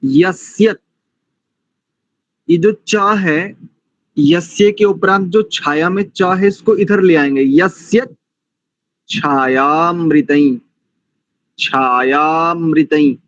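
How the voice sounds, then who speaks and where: A man teaching Vedic mantra pronunciation, who chants verses slowly and then corrects his students patiently. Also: sits high, no room sound, muffled recording. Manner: admonishing, didactic. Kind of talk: recitation lesson with slow mantra chanting.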